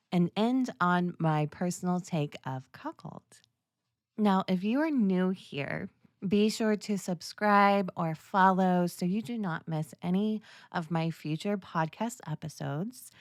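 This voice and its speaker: A woman hosting a solo podcast, explaining in a conversational way with drawn-out, deliberate phrasing. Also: fairly low pitch, no echo, studio quality. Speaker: podcast host.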